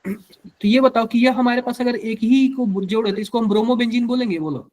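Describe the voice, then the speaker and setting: A man's voice: extremely high pitch, moderate pace, a little mellow. A man with a Hindi accent teaching chemistry to a live class, quizzing students and repeating each answer to drill it in.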